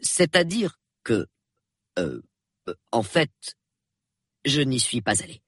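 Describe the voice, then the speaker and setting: A man voicing a tired older colonel in an audiobook, hesitant and falsely hearty, lower and quieter than his narration. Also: very animated, measured pace, husky, no echo, studio quality, full character voice. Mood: evasive. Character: weary older colonel, man, forced cheer. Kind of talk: audiobook character voice.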